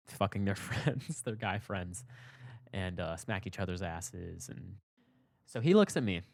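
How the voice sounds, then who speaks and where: A man's voice: deep voice, dry recording. Candid young man telling a story, dry sound. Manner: reflective, candid, swings between loud emphasis and soft asides. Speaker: podcast host. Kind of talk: personal storytelling monologue.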